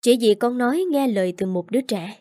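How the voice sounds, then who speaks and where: A woman voicing a stern, gruff older father-in-law who heads the family. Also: fairly quick, warm tone, no room sound, clean studio sound, lightly acted. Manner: gruff, lowered voice.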